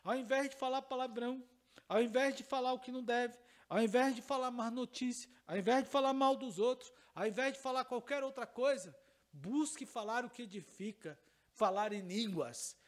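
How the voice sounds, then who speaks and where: A Brazilian pastor with an unusually high voice for a man preaches at a church teaching service. He tells a personal story, repeats phrases for emphasis and moves between hushed and loud, emphatic passages. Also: moderate pace. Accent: Brazilian Portuguese.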